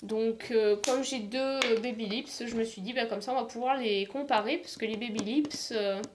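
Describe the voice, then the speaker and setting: A woman's voice: on the high side, moderate pace, noisy background. A woman from the south of France chatting casually in a beauty haul video, hesitant, with many fillers and restarts. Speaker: beauty vlogger.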